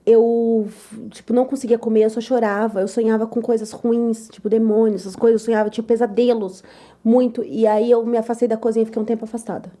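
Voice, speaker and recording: A young woman chef telling her story in an interview, lively and loud, acting out the voices of others. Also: fairly high pitch, fast talker. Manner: lively, acts out quoted voices, repeats "tal, tal"; says she talks loud and gruff. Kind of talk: animated personal storytelling.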